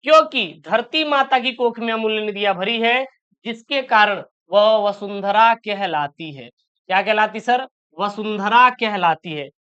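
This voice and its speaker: A man teaching an exam-prep lesson, reassuring his students and repeating key answers slowly, often asking and answering his own questions. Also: high-pitched, bright, forceful tone, clear, resonant tone. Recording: dull lo-fi sound.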